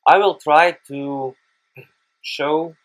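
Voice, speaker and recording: In a slightly high voice, a man with a Russian accent guides viewers through a screen-recorded photography software tutorial. His delivery is slow, halting, and hesitant, with many "uh" pauses and the careful phrasing of a non-native speaker.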